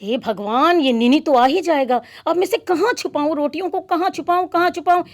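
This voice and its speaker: A woman voicing a young boy who loves food and frets about hiding it, in an anxious, hurried manner. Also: high-pitched, animated. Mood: flustered. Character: young boy hero, fond of food, fretful.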